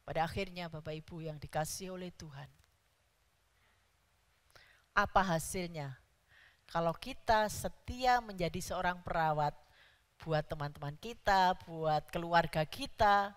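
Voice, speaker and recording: A woman preaching a sermon in a church, stressing key words loudly. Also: fairly low pitch, unhurried, long pauses. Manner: emphatic, rising to loud stresses on key words. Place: church hall. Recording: church hall reverb.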